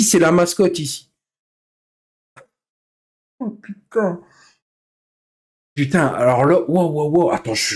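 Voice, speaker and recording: Man, live streamer, casual chat, exasperated venting, lots of swearing, nervous laughter, slightly high pitch. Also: darkish tone. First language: French.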